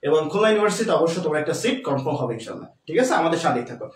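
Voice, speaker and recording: A man's voice: a little high, big pitch swings, very fast, recorded from a distance. A man teaching English for a university admission test in a live online class, talking to students informally and mixing English terms into his explanations. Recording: roomy echo, voice a bit off-mic.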